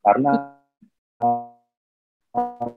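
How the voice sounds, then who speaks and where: A man's voice: mid-range voice, big pitch swings, vocal fry, music in the background. A man from Bekasi asking a question in an online class, polite and hesitant, his voice cutting out over a bad connection. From Bekasi, Indonesia. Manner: polite, hesitant, with filler pauses. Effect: choppy, breaking-up online call connection. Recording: dry, tinny, lo-fi call audio.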